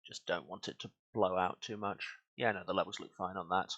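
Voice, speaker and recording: A man's voice: deep voice, steady tone, fairly quick, dry recording, lo-fi sound. A man giving casual, wry gameplay commentary as a streamer, full of sardonic joking. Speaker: game streamer. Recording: voice over loud game music.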